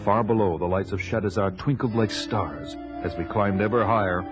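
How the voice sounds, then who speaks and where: A man's voice: lowish voice, normal speed, over music, lightly acted. An actor playing a bold, fearless barbarian hero who tells his own adventure in a grave, dramatic, archaic way for an audio drama. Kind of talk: audio drama narration and dialogue.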